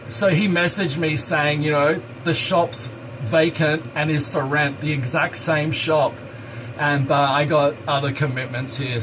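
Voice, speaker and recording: A man's voice: on the high side, noisy background. A man from Hong Kong who grew up in Australia, chatting casually and rambling as he cooks and answers viewer questions in a home kitchen. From Hong Kong, raised in Australia. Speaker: live streamer. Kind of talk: casual chat while cooking. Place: home kitchen by a hot stove.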